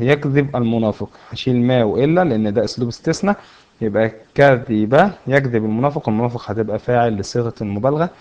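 Egyptian man, brisk grammar teacher, quizzes himself aloud, muffled lo-fi audio. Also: medium pitch, a little mellow. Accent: Egyptian Arabic. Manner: explains step by step, asks and answers his own questions. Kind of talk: classroom grammar lesson. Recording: dull lo-fi recording.

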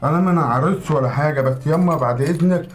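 A man's voice: on the high side, rapid-fire, faint music behind, close to an everyday voice. A man playing an Egyptian husband caught between his mother and his wife in a comedic family skit, with an Egyptian accent and a puzzled, hesitant way of reasoning. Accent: Egyptian Arabic. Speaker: creator addressing the audience.

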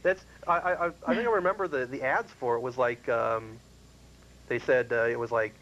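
A man co-hosting a casual chat about old sitcoms, rambling and halting with fillers and restarts. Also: mid-range voice, fairly bright tone. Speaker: co-host. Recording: dull lo-fi 1990s cable recording with faint hiss.

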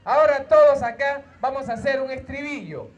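A man telling a story on stage and leading a children's sing-along, playfully coaxing the audience to clap and shout. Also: very high-pitched, expressive, brisk, distant mic, dull audio, background noise. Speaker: children's theatre performer. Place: outdoor festival stage.

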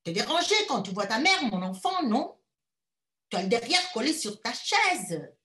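A woman voicing a shrill, domineering wealthy mother who scolds loudly in a high voice. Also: big pitch swings, takes it slowly, reverberant, heavily acted. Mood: scolding. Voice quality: loud, high-pitched, scolding.

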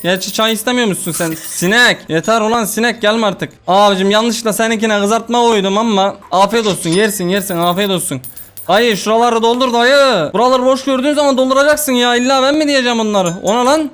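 A man's voice: sits high, fairly quick, a bit bright. A young man giving casual, joking commentary while playing a game, talking to the customers on screen. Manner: jokey, bossing game customers around. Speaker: gaming streamer. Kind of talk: casual let's-play commentary.

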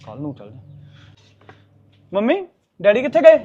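An actor playing a busy, impatient young husband and son. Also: male voice, high voice, huge pitch swings, moderate pace, dark tone, dull audio, heavily acted.

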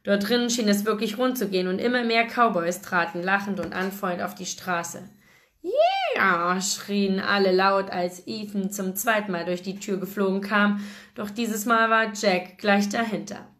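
A woman's voice: mid-range voice, steady tone, moderate pace, a bit bright. A woman reading a novel aloud in first person, with occasional slips and restarts. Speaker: book blogger reading aloud.

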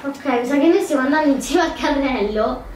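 Talking fairly quickly in a high-pitched voice, a woman narrates her gameplay in a loose, think-aloud style, frequently hesitating and self-correcting. A distant microphone picks her up in a roomy space with a little background noise.

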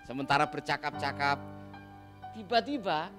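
A male pastor preaching a sermon, telling stories lively and acting out the voices in them, often asking the congregation "right?". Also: on the high side, moderate pace, faint music behind. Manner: lively storyteller, acts out quoted voices, asks "ya kan?".

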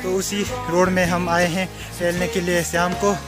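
Music plays under the high voice of a young man from the northern Indian hills of Uttarakhand as he narrates his casual travel vlog at normal speed with little pitch variation. Chatty and addressing viewers directly, he records on a phone held at arm's length, outdoors on hill roads and in a car.

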